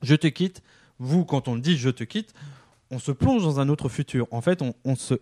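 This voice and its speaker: Man with a dry, lively comic delivery. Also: medium pitch, dry recording. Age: under 50. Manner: lively, acts out quick dialogue in different voices. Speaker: columnist. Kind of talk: comic spoken column.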